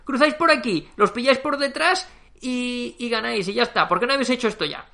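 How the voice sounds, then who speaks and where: A man's voice: very high voice, quick pace, gravelly, voice pushed up, heavily acted. A man voicing a boorish, bullying young emperor who blusters and brushes everyone off. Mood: impatient. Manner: blustering, dismissive, loud.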